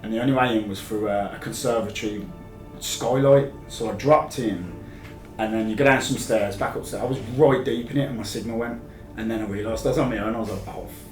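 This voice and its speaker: An English man in his thirties tells anecdotes in casual interview chat, rambling and matey. His voice sits a little low. The sound is roomy and a bit off the mic, with clear music behind. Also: fairly quick, recorded from a distance. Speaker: podcast guest, live-streamer.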